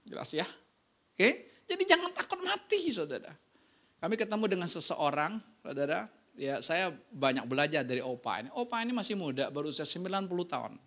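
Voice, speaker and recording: A pastor preaching a casual, lively sermon, telling stories and often checking in with the congregation. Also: male voice, fairly high pitch, fairly quick. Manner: casual, slangy preaching with anecdotes.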